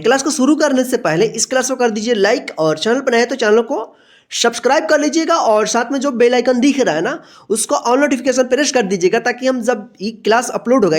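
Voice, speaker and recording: A woman teaching a beginner alphabet lesson, patient and repetitive, who draws out each letter sound and checks in with her students again and again. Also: fairly high pitch.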